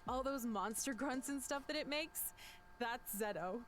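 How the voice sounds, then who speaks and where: An actress playing a lively young woman gamer in a game who talks casually and bluntly. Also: high voice, measured pace, a little hiss or hum.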